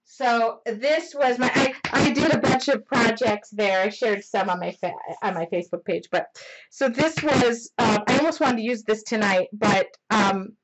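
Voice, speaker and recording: A woman with a slightly high voice leads a mixed media art lesson over a live stream. She rambles and chats as she paints. Her excitement makes her talk loudly. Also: moderate pace, background noise.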